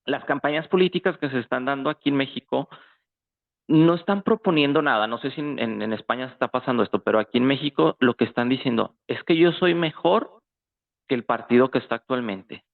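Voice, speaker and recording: A man with a Mexican accent joins a casual political discussion as a guest over a tinny, phone-like line. His medium-pitched voice carries a gravelly fry and moves fairly quickly, and he often gropes for the next word.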